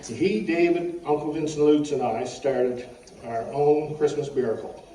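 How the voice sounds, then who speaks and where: Mellow man reading a eulogy, echoey and distant. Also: fairly high pitch, measured pace. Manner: wry, folksy storytelling, often clearing the throat. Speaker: eulogist at a funeral. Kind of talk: personal eulogy read from notes, with humorous anecdotes. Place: echoey room at a funeral service. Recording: roomy, distant mic with faint background noise.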